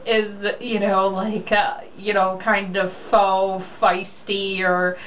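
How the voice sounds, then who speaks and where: A woman co-host reads a romance novel aloud slowly, her medium-pitched voice a bit bright with little pitch movement. Between passages she chats casually, blunt and mocking, sarcastic and free with swear words. She sounds distant from the mic, and faint background noise comes through.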